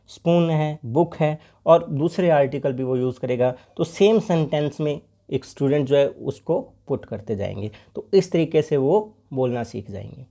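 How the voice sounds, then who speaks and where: A teacher giving an exam-prep lecture, reading English lines slowly and explaining them in Hindi while asking and answering rhetorical questions. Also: medium pitch, mellow.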